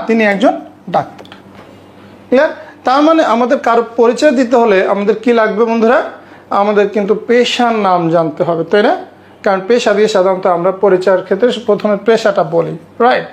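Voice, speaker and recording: A woman teaching an Arabic language lesson, saying phrases slowly, repeating them and often checking with her students. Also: medium pitch.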